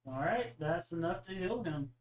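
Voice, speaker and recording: A man's voice: sits high, animated, moderate pace. A man running a tabletop game as game master, giving short replies and rulings. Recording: echoey room.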